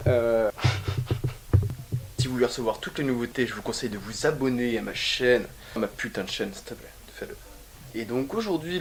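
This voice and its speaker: A man's voice: medium pitch, a little hiss or hum. A young adult man vlogging in a casual chatty way, slangy and swearing freely, with joking asides to viewers. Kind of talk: casual vlog talk to camera. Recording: hip hop music playing behind.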